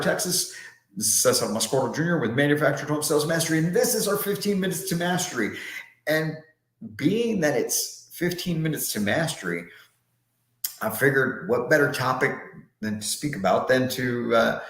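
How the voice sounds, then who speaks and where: A man's voice: mid-range voice, a bit bright. Upbeat guy doing a live sales pep talk, empty office bouncing echo all around, medium voice. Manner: upbeat, repeats words, keeps asking "right?" and "okay?". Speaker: sales trainer hosting a live session. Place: brand-new empty, unfurnished office. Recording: echoey bare empty room.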